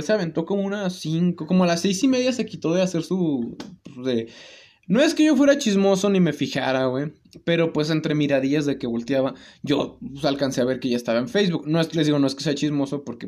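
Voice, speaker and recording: Chatting casually, a young man with a slightly high voice and a Mexican Spanish accent spins an animated, slang-filled story, laughing frequently along the way.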